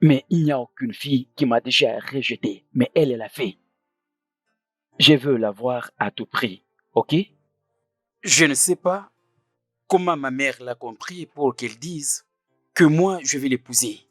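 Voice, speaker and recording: A man dubbing an arrogant, scheming young prince in a film drama, with a husky voice and dismissive manner. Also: medium pitch, measured pace, long pauses, no room sound, studio quality, soft background music. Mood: haughty. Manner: haughty, dismissive.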